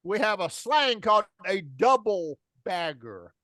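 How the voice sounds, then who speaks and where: A man with an American accent chats and tells stories in a jokey teaching manner. His voice is high for a man and sounds dry, with little room. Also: big pitch swings, unhurried, sharp tone, no echo. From United States. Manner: jokey, explains slang. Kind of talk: casual storytelling.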